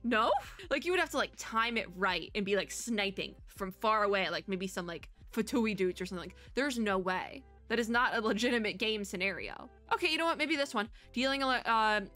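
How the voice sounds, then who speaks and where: A VTuber reaction video host, a woman with a bright, forward, mid-range voice, talks casually through a game reaction at a moderate pace. Animated and rambling, she thinks out loud and switches between reading and commenting, with music playing behind her.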